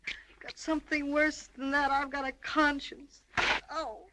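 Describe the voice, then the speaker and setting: High-voiced, melodramatic screwball comedy heroine, American. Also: female voice, little pitch movement, a little slow, background noise. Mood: groaning, miserable. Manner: theatrical, plaintive, exclaiming. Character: melodramatic, hungover young woman wracked by guilt. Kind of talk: 1930s screwball comedy banter, film acting.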